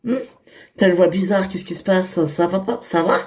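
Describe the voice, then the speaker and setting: A woman's voice: fairly low pitch, moderate pace, darkish tone, natural voice. A woman voicing a caring woman on the phone who anxiously keeps asking if he is all right. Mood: friendly. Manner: anxious, repeated questions. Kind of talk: toy-figure fan series voice acting.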